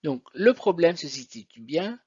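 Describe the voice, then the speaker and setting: A man's voice: fairly high pitch, lively intonation, measured pace, a little mellow, husky, no echo. A man teaching a Latin grammar lesson, patiently walking through examples step by step. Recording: dull dry lo-fi recording.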